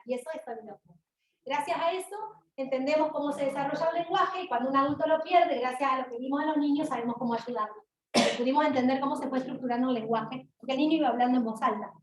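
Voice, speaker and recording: High-voiced argentine lady lecturing, roomy hall, mic kinda far off, quizzes the crowd. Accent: Argentine Spanish. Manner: animated, asks the audience questions. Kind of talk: university talk to an audience.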